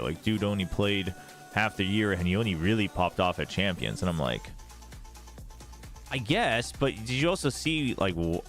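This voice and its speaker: This man from the United States, speaking with an East Coast accent, has a voice on the low side with a fairly bright tone. He chats informally as host and analyst of an esports watch party, delivering casual livestream commentary.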